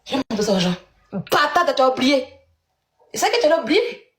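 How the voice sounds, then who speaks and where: A woman's voice: high-pitched, very animated, fairly quick, fairly bright tone, roomy sound. A woman ranting heatedly, mocking her rival and laughing scornfully between jabs. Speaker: social media personality in a feud. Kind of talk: angry livestream rant.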